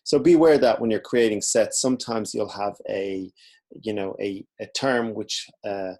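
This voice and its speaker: Slow, gravelly man teaching onscreen. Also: lowish voice. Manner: relaxed, informal explaining while clicking. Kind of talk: screen-recorded software tutorial.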